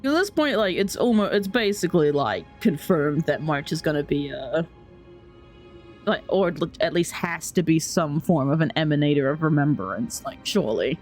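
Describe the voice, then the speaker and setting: A woman gaming streamer with a slightly low, mellow voice. She muses aloud in a casual, informal let's play style, with faint game music behind her. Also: expressive, moderate pace.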